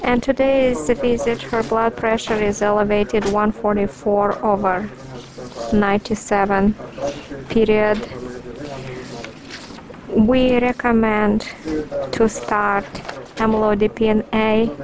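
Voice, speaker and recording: A woman doctor dictates a clinical letter in a slow, flat, deliberate voice, saying every period and paragraph aloud and spelling drug names letter by letter. Her voice sits a little high and barely rises or falls. A busy crowd murmurs clearly in the background. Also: rough recording. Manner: measured, deliberate. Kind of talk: medical dictation.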